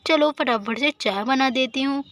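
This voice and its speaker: Bright high-voiced woman telling a doll story. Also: moderate pace. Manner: lively homely chatter, talking to herself. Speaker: storyteller voicing all the dolls. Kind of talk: Hindi doll story narration with character voices.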